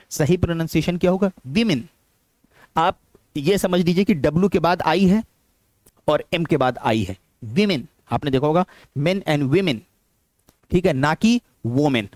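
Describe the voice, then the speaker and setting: A young Indian-accented man teaches pronunciation in an explanatory classroom style and drills each word several times. His voice sits a little high, and the recording is close and dry, with no room sound. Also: a little mellow, no echo. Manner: explanatory, repeats words slowly for drills. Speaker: English teacher.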